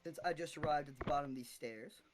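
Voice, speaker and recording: A man's voice: a little high, fast, background noise. Rambling male tabletop player. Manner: rambling, thinking aloud. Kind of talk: casual chat during a tabletop game.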